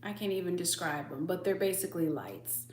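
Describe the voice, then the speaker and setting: A woman's voice: on the low side, a little fast. A woman hosting a livestream, chatting casually and telling stories animatedly, acting out voices as she goes. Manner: animated storyteller who acts out voices. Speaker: livestream host. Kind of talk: casual chat. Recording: echoey room with faint hum.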